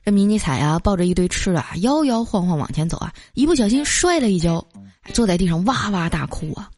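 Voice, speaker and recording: A woman telling funny stories in a lively, laughing way, as a host. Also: on the low side, fast talker. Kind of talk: comic storytelling. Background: background music.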